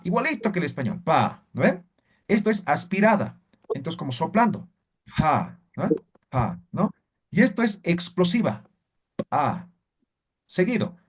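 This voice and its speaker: A man's voice: high-pitched, husky. A man teaching a language class, explaining sounds and demonstrating them aloud, checking in often with short questions. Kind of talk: online language lesson.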